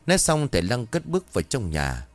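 A man narrating a ghost story in animated storytelling. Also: mid-range voice, a little fast, no echo.

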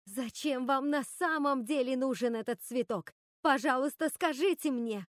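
A woman's voice: high-pitched, moderate pace, no echo, clean studio sound, natural voice. Woman voicing a hurt, furious witch. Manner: pleading, accusing, tearful.

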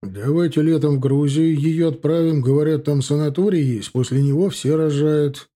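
A man's voice: on the high side, normal speed, dark tone, lightly acted. A man playing a blunt, impatient older general who talks brusquely. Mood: gruff. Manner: brusque, exasperated.

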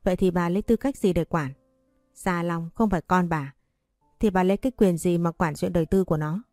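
A woman voicing a calm, shrewd and caring old nanny in a spoken story. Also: fairly low pitch, fairly quick, dry recording, clean studio sound, faint music behind, lightly acted. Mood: calm cutting. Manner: calm and cutting.

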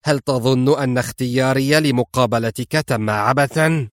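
A man's voice: medium pitch, steady tone, moderate pace, dry recording, studio quality, close to an everyday voice. A man reading an audiobook and voicing a cunning, smug old male villain in a wheelchair. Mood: sly, smug. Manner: smug, mocking, theatrical.

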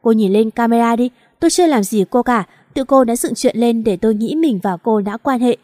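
A woman's voice: on the high side, a little fast, dark tone, no room sound, studio quality, close to an everyday voice. A woman reading a bitter, wronged young husband. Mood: furious. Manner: bitter, accusing, choked with regret. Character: heartbroken vengeful young husband.

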